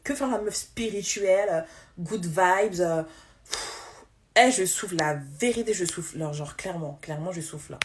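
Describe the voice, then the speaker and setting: A woman on a live stream, ranting in a heated casual way, talking fast with slang and many restarts, irritated. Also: lowish voice, slight background noise.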